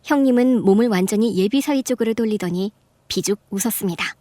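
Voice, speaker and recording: A voice actress playing a middle-aged mother who narrates in a measured way and confronts her sister-in-law firmly. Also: medium pitch, dry recording, lightly acted. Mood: narrating. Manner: measured storytelling, firm and sharp when confronting. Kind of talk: Korean radio drama narration.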